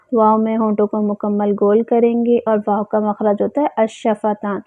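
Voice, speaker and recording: A woman teaching Quran recitation rules, who recites words slowly and drawn out and then explains them plainly. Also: medium pitch, no room sound. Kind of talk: tajweed lesson. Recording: tinny phone-like sound, dry.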